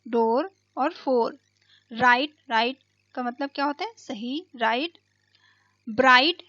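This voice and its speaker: Woman teacher, high voice, dry muffled sound, keeps repeating words slow for kids. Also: a bit bright, no room sound. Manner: slow explanatory, repeats words, asks and answers own questions. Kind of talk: bilingual classroom lesson.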